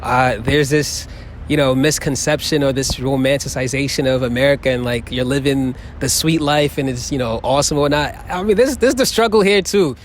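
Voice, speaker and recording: Brisk and mid-range, this young Bronx native is being interviewed on the street in an outdoor plaza in a city park, talking with lively energy. He spins animated stories and laughs a lot. A phone is held out to him to record, and faint outdoor city sounds come through.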